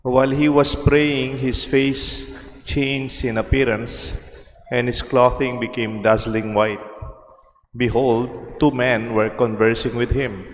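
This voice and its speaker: A man speaking as a priest at a church service, solemn and measured, with a cathedral-like echo. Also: mid-range voice, level tone. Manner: deliberate, measured phrasing. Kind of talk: solemn liturgical reading and homily. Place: large echoing church. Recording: cathedral-like echo, long reverb, some noise.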